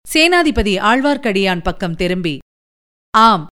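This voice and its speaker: A woman radio presenter reading a serialized novel aloud in steady, expressive scripted narration. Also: on the high side, normal speed, clean tone.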